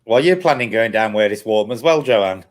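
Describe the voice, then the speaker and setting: Low-voiced man telling a personal story. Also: animated, normal speed. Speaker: host of a paranormal live chat. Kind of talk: casual chat, telling a personal anecdote.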